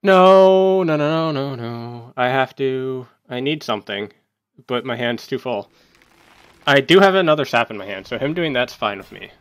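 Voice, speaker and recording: Man, mid pitch, dry close mic; casual gameplay commentator who mutters his thinking aloud and yelps when plays go wrong. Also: normal speed, dry recording. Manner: thinking aloud, muttering, sudden excited outbursts. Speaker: gaming YouTuber.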